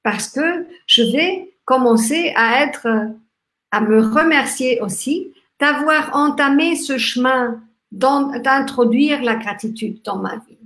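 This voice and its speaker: Speaking from a small indoor room with echo, a German-speaking Austrian woman in her fifties hosts a webcam workshop talk about gratitude. She's gentle, slow, and reflective in a somewhat high voice, often restarting and using fillers. Her hands move in lively gestures as she talks.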